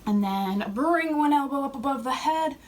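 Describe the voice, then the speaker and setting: A young woman fitness instructor cueing warm-up moves while she exercises, a little out of breath. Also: high-pitched, lively intonation, moderate pace. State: slightly out of breath. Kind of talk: workout instruction. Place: fitness center. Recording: distant mic with faint room noise.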